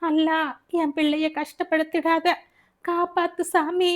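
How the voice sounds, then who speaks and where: A high, tearful voice of a frightened mother, as a woman puts her on, pleading and praying over her son's hospital bed. She rises sharply in pitch when she begs. This is a storybook reading. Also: moderate pace, natural voice.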